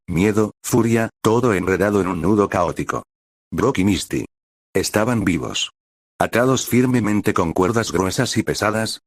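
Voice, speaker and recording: A man reading a dramatic story aloud as a steady narrator. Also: deep voice, no echo, studio quality. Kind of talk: scripted audiobook narration.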